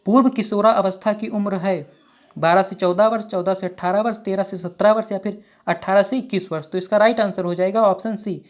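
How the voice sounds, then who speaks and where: A woman teacher reading out exam questions and options and then giving each answer, with steady, repetitive phrasing. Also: mid-range voice. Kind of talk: exam quiz walkthrough.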